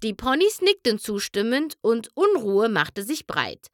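A woman reading a children's storybook aloud, expressive and unhurried. Her pitch is fairly high and moves a lot. The recording is close and dry. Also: dry recording. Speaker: narrator.

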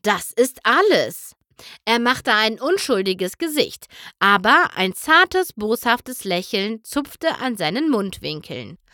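Animated woman reading a storybook slowly. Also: on the high side, dry recording, studio quality. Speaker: narrator.

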